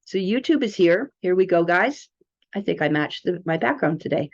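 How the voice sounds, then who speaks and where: In a low-ish, slightly mellow voice at normal speed, a woman speaks expressively while casually demonstrating a wellness app. Her presentation is chatty and drifts a little, and the sound quality is dull and lo-fi.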